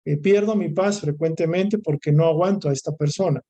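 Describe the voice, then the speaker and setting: Mellow-voiced Mexican man teaching a course. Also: a little high, fairly quick, muffled recording. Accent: Mexican Spanish. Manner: discursive, repeats and lists words, restarts phrases. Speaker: course instructor. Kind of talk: recorded lecture session.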